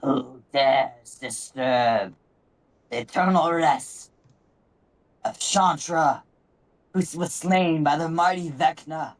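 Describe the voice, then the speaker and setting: A raspy old hag of a dryad, acted by a man running a tabletop game. She is wretched and wrathful, speaking slowly and theatrically with menace, pitched up from the performer's usual voice. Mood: wrathful, menacing. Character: wretched, wrathful female dryad guarding an eternal rest.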